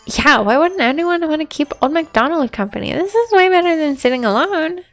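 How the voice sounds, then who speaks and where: A woman voicing an excitable, naive cowgirl kid who gushes and exclaims, in a game read-through. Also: sits high, brisk, no room sound, faint music behind, pitched above the performer's own voice. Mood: eager. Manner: gushing, exclamatory.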